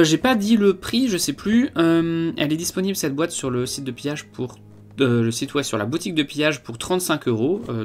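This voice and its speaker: A man giving a casual unboxing review of miniature figures, talking with many hesitations and fillers. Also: medium pitch. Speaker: wargaming hobby reviewer.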